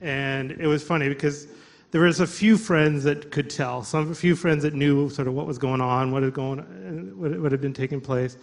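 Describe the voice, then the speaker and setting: A man telling a personal story to coworkers at a live storytelling event, halting and restarting often, laughing through his words. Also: mid-range voice, steady tone.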